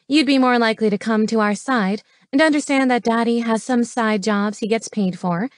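A woman voicing a spiteful young villain's daughter, pitched high and shrill. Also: moderate pace, no room sound, clean studio sound, close to an everyday voice. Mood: sneering. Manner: shrill, screaming. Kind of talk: audiobook character voice.

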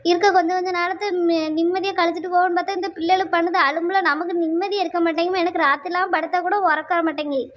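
A fretful elderly mother-in-law from a cartoon family drama, voiced by a performer. Her squeaky, very high voice rushes on, pleading and insistent. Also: fairly even intonation, lo-fi sound.

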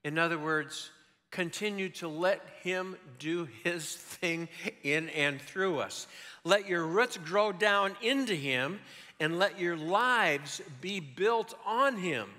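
An older male pastor preaches with a bright, forceful tone that sits a little high. He tells stories with animated energy and slips in joking asides. His voice carries the long reverb of a large church hall. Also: takes it slowly. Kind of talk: sermon. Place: church sanctuary.

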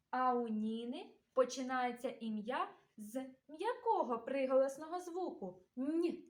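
A woman teaching a young children's literacy lesson, sounding out words slowly and clearly with a Ukrainian accent. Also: a little high, a bit bright, echoey room. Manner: slow, carefully enunciated, sounding out words. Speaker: preschool teacher.

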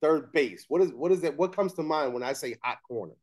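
A middle-aged male host on a webcam call, his voice sitting a little higher than most men's. He asks questions in a friendly, chatty way and shares his own stories. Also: lively intonation, brisk, faint music behind. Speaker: show host. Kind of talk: video call interview. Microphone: webcam on video call.

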